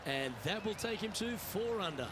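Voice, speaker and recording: A man's voice: high-pitched, expressive, normal speed, background noise. A man playing a composed, upbeat TV-style lead golf commentator for a video game. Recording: crowd and music behind.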